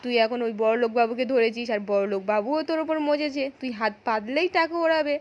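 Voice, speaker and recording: A woman's voice: fairly high pitch, brisk, highs cut off, natural voice. A woman voicing an angry, sneering village husband as she retells a serial episode. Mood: scornful. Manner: angry, sneering retold lines. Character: hot-tempered abusive village husband.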